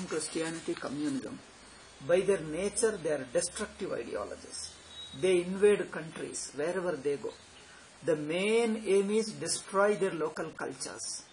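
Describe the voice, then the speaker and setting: A man in his sixties with a South Indian accent, giving an informal spiritual lecture in a didactic, repetitive, questioning manner. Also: fairly high pitch. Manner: didactic, repeats phrases and poses questions. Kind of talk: informal explanatory lecture on scripture with Sanskrit terms. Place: small plain room indoors. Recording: noisy amateur home recording.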